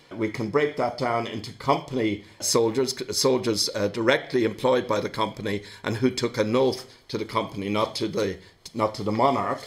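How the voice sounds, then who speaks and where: A man giving a history lecture, measured and steady, with frequent hesitations and restarts. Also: on the low side.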